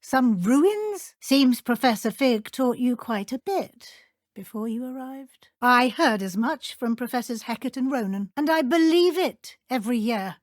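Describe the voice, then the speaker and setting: An actress playing a brisk, strict but encouraging British witch professor in a video game, speaking in a formal, articulate way. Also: fairly high pitch, animated, dry recording, studio quality. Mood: composed, instructive. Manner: crisp, formal, articulate schoolteacher. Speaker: professor and deputy head at a wizarding school. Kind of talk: video game character dialogue.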